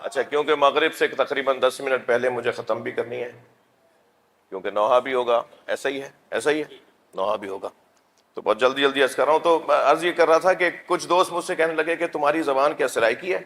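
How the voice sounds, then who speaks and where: A man preaching a sermon to a seated audience, with slow, drawn-out phrases. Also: mid-range voice, a bit bright. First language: Urdu. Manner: measured, drawn-out phrasing, calls the audience to recite salutations. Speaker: Shia religious scholar giving a majlis lecture. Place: gathering hall with an audience. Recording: echoey hall.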